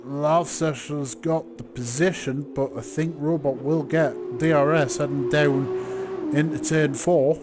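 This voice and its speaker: A man commentating live on a motor race, calling the action in drawn-out phrases. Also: a little high, fairly even intonation, background noise. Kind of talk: live online sim racing commentary.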